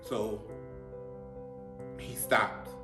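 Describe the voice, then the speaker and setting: Male host, personal storyteller, halting and repetitive, mic set back in a roomy space with faint music underneath. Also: fairly low pitch, level tone, far from the mic. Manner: halting, repeats himself, many "like" fillers.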